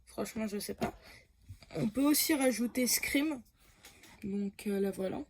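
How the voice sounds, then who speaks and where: A woman's voice: medium pitch, a little slow, a little hiss or hum. A woman talking casually about comics for her channel, hesitant, with many fillers, self-corrections and frequent laughs. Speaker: comics YouTuber.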